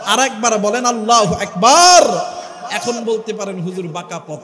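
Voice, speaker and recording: A man giving an impassioned sermon. He shouts at his peaks, chants verses in a sung tone, and calls on the crowd to answer him aloud. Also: sits high, brisk, a little hiss or hum. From Bangladesh. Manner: fiery preaching with shouted peaks and chanted recitation; call-and-response, urging the crowd to answer aloud. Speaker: Islamic preacher. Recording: echoey PA sound with long reverb.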